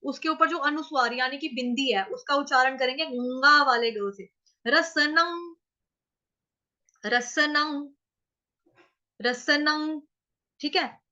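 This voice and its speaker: A woman teaching how to chant a Sanskrit verse, breaking words into syllables, repeating them slowly and answering her own questions. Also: sits high, sharp tone, dull audio. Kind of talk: pronunciation lesson in Hindi.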